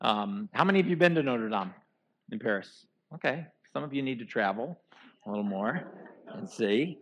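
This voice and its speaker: Male pastor, mid-pitched, earnest sermon delivery, keeps asking the church rhetorical questions. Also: lively intonation, moderate pace, fairly bright tone, a little hiss or hum. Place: church before a live congregation.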